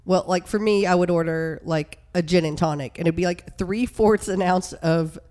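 Woman with a rough, gravelly, cold-worn voice. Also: fairly low pitch, moderate pace, a little mellow. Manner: self-deprecating, joking. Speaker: podcast co-host. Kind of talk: casual banter.

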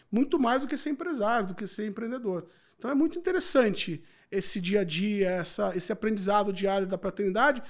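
A man's voice: very high-pitched, creaky. A man in his forties from Brazil, talking reflectively as a podcast guest and often repeating filler words. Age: 40s. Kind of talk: casual interview chat.

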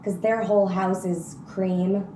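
A woman's voice: mid-range voice, flat delivery, measured pace, mellow. A young woman co-hosting a podcast, chatting in a gossipy, teasing way. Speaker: podcast co-host. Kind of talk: casual chat. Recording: echoey room, faint background noise.

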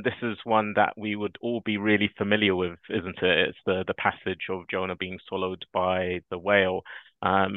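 Man, podcast guest, earnest reflective storyteller, deeper voice, thin phone-like audio. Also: dry recording. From South London. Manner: earnest, thoughtful, laughs while telling stories. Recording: dry, tinny phone-like line.

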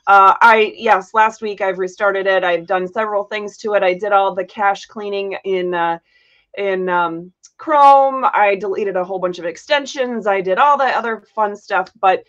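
A woman of middle pitch hosts a live podcast, talking casually and rambling a little, with frequent fillers and playful jabs. Her audio is slightly muffled and lo-fi, like a streamed call. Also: normal speed, a bit bright. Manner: chatty and rambling, many fillers and self-corrections; playful teasing. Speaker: podcast host. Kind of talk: casual livestream chat.

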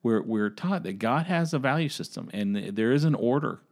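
A man's voice: mid-range voice, lively intonation, moderate pace, a little mellow. A man from the American South with a Southern accent, co-hosting a casual Bible discussion and talking conversationally, often repeating words as he restarts. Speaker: podcast co-host.

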